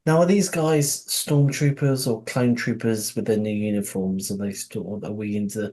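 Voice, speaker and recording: A man's voice: fairly low pitch, a little mellow, slightly rough. A man co-hosting a podcast in casual, rambling chat, laughing often and swearing freely. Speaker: podcast co-host.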